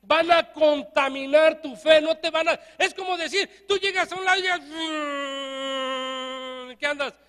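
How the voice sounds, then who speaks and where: High, bright-voiced Mexican pastor preaching. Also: male voice, normal speed, hardly any pauses, big-room sound. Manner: animated, jokey, has the congregation repeat after him. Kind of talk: lively sermon. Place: church.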